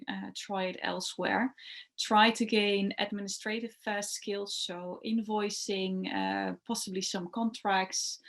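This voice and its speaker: A young Dutch-speaking woman who works as a translation rights executive answers interview questions about her job. Her mid-range voice falters often, with many "uh" fillers and repeated words or restarts before she completes a thought.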